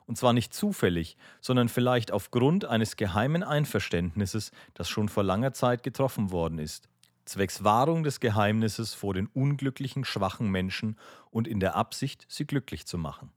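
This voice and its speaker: A brooding young intellectual with a low voice and an ironic, musing manner, read by a man. He sounds wry and detached rather than heated. The sound is dry and close-miked. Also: lively intonation, normal speed, dry recording.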